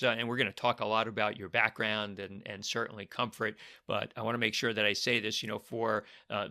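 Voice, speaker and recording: Speaking in a lowish voice with a sharp edge, a man hosts a podcast. He starts with an upbeat, scripted introduction before a casual conversation with a guest, during which he sometimes hesitates and uses fillers.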